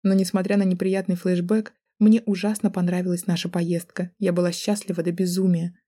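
A woman's voice: fairly low pitch, flat delivery, brisk, warm tone. A woman narrating a first-person novel as an audiobook, reading in a tense, dramatic way.

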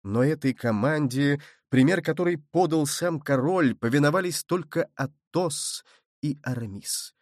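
A man narrating an adventure novel as an audiobook, with steady, dramatic storytelling. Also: on the high side, unhurried, no room sound, studio quality.

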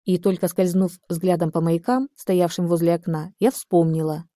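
A woman reading a first-person audiobook in a measured, even way. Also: on the low side, no echo, studio quality. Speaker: audiobook narrator.

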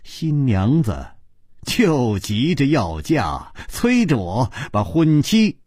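A man storyteller voicing an easygoing, amused gallant hero who speaks low and soft with a chuckle, in a traditional storytelling style. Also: very animated, slow pace, breathy edge, no echo, studio quality, full character voice. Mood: wry. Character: suave amused male hero, easygoing and wry.

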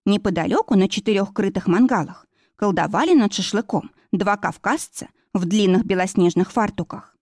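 A woman narrates a novel with an even, expressive delivery at an ordinary middle pitch. The recording is close and dry, with no room around her voice. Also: no echo. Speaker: audiobook narrator. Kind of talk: scripted narration.

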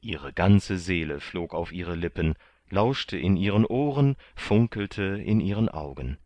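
A man reads a classic novel aloud in a measured, even storytelling manner. His voice is very deep and he takes his time over each phrase. The recording is dry and close, with no room sound. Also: no echo. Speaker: audiobook narrator. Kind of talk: scripted narration of a classic novel.

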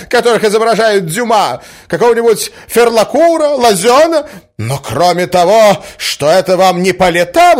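A man's voice: sits high, bright, forceful tone, voice pushed up, full character voice. A man voicing an indignant middle-aged matron in an audiobook, shrieking and hectoring. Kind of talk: audiobook character reading.

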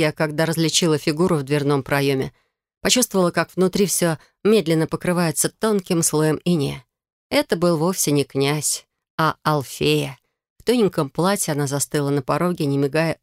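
A woman's voice: deep voice, normal speed, no room sound, studio quality. A woman narrating a novel in the first person, intimate and confessional. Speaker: audiobook narrator.

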